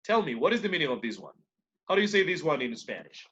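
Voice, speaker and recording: A man's voice: on the high side, very animated, fairly quick, a bit bright, slightly rough. A man teaching an online class, explaining a point step by step and often checking in with his students by asking questions. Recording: dull lo-fi online class audio.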